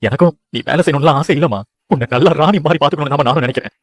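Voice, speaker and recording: Actor playing a discouraged young dreamer. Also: male voice, fairly high pitch, very fast, natural voice. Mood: dejected. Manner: dejected, earnest, pleading. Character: discouraged young man chasing film dreams. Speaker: son, aspiring film director. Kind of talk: TV serial acting.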